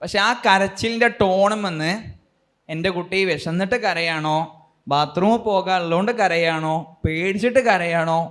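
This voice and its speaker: A man giving a motivational talk to a school audience, asking them many questions in an animated, emphatic way. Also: sits high, normal speed. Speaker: speaker addressing students.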